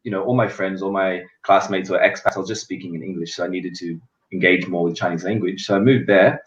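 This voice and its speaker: A man's voice: low-pitched, steady tone, quick pace. A young Australian man telling personal stories in casual chat, in a distant, echoey recording. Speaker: guest. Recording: echoey, distant, dull sound.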